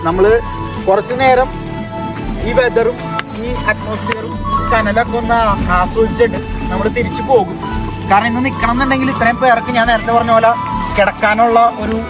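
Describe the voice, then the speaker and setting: High-pitched Malayali man vlogging in mixed Malayalam-English. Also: steady tone, brisk, over music, low-quality recording. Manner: exclamatory, repeats phrases for emphasis. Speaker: vlog host. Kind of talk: casual outdoor vlog narration mixing Malayalam and English. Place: outdoors at a rainy lakeside camping spot.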